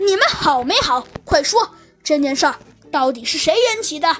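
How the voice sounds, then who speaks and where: A woman's voice: high-pitched, big pitch swings, normal speed, fairly bright tone. A woman voicing a bossy male monkey police chief in a children's story, over faint music. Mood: stern. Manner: bossy, commanding.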